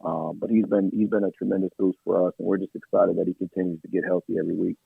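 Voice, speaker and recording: Over a tinny phone line, a man answers radio interview questions as an assistant coach, his voice hoarse and raspy from yelling at practice. He speaks steadily and in a measured way, often pausing on fillers. The recording is dry, and his low voice has a gravelly edge.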